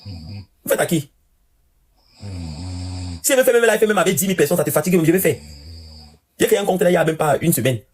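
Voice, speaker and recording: A man hosting a casual live stream, talking to his viewers in an animated rant with lots of repetition. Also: high-pitched. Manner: rapid, animated ranting with repeated phrases.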